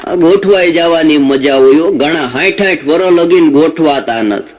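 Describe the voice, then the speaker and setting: A man's voice: fairly high pitch, measured pace. A man doing stand-up comedy on stage, telling jokes as stories with quoted back-and-forth dialogue. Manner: storytelling jokes with quoted dialogue, rhythmic delivery. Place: stage before a live audience.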